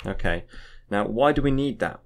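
A physics teacher gives an informal explainer lesson, talking through a diagram step by step, repeating points and often checking in with a short tag. His voice is lowish with vocal fry and lively intonation, at a moderate pace.

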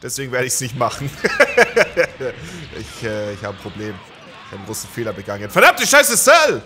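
A man doing gameplay commentary, excitable, swearing and yelling at the game. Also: fairly low pitch, fast, faint music behind. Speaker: let's play gamer.

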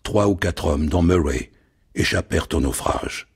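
A man narrating a dramatic story in an expressive, theatrical reading. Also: extremely low pitch, moderate pace, breathy edge.

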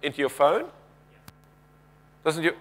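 A man's voice: a little high, expressive, slow. Guy in his 30s doing a keynote on a big stage, headset mic, chatty, lots of restarts. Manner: conversational, questions the audience, frequent restarts; paces the stage with gestures. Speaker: keynote speaker. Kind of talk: conference keynote talk. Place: large conference stage.

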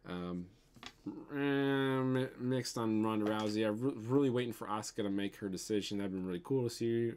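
At a moderate pace, a young man speaks in a lowish, smooth, slightly mellow voice with a Midwestern accent. He's from the American Midwest and hosts a toy unboxing livestream in his bedroom, casually responding to viewers with lots of ums and casual swearing.

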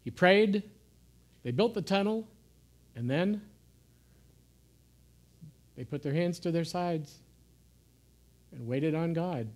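A man giving an informal sermon in a gentle, conversational way, sometimes dropping to soft, hushed asides. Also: on the high side, lively intonation, slow pace, pauses often. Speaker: pastor. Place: church.

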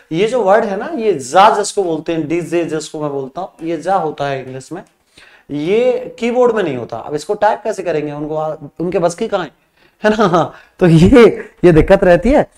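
In a classroom studio with a whiteboard screen, a man with a Rajasthani Hindi accent teaches an English exam practice lesson in Hindi, his voice fairly high and a little mellow. He quizzes students, then supplies the answers himself, drawing English words out slowly as he writes on the board.

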